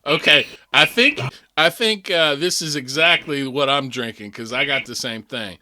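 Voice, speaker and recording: A man's voice: mid-range voice, normal speed, sharp tone. A middle-aged man chatting casually on a whiskey tasting show, rambling and full of fillers. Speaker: whiskey reviewer.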